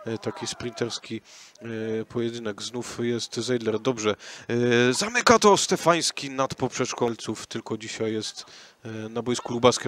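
Male football commentator, flat even delivery, frequent fillers, lifts at goals. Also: mid-range voice. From Poland. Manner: measured, many hesitation fillers, lifts on goals and chances. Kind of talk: highlights commentary.

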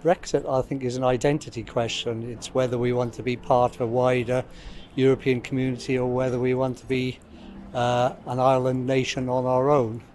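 A man's voice: mid-range voice, level tone, normal speed, a little mellow, soft background music. A man in his fifties giving considered answers in an outdoor street interview.

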